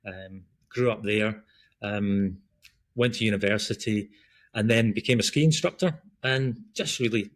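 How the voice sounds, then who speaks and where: On a casual podcast, a breath work and running coach from Glasgow talks in a Scottish accent, his voice on the low side and a little slow. The middle-aged guest rambles amiably, often restarting and saying um.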